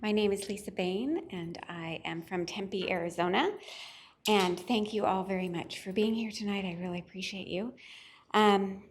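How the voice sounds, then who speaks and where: Soft-spoken woman pleading politely. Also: mid-range voice, moderate pace, slight background noise. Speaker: resident giving public comment.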